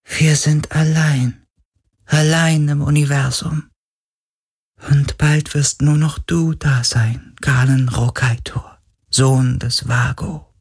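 A man voicing an ancient, lonely telepathic sea spirit in a German audiobook, speaking in a breathy hushed whisper. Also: fairly high pitch, steady tone, takes it slowly, voice pushed up, heavily acted. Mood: mournful.

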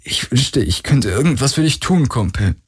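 A man's voice: expressive, moderate pace, slightly rough. A man voicing a grieving but determined young hero in a German audiobook, speaking earnestly and with feeling. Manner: earnest and emotional, rising pitch.

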